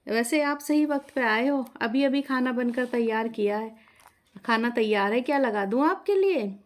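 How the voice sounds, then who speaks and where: A woman's voice: a little high, moderate pace, natural voice. A woman voicing a polite, naive new young bride in a family story. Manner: polite, respectful.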